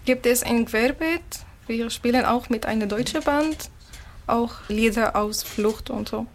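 Soft-spoken Syrian woman, faint noise behind. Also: on the high side, unhurried. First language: Arabic. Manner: plain, simple German with small slips. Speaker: interviewee, musician. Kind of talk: casual interview.

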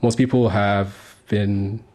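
A man's voice: on the low side, fairly even intonation, slow, a little mellow. A man in his thirties from Sudan, speaking as a guest on a community radio interview, earnest and hesitant with many fillers and restarts. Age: 30s.

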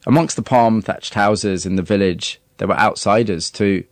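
A man hosting an interview, narrating scripted passages with a clear, even delivery. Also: deep voice, no room sound. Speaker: host.

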